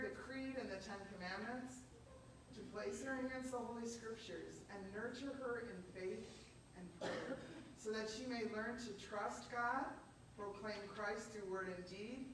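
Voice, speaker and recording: A woman pastor reads formal liturgy in measured, solemn phrases, her voice echoing through a church. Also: medium pitch. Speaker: pastor leading a baptism. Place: church sanctuary, recorded from the congregation. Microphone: far camera. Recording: very echoey church, distant mic, noisy.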